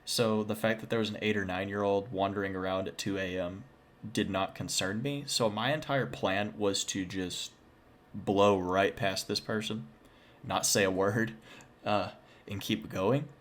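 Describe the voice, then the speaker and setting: A man's voice: lowish voice, steady tone, a little slow, fairly bright tone. A young adult man casually telling a personal paranormal story, chatty and full of self-deprecating asides.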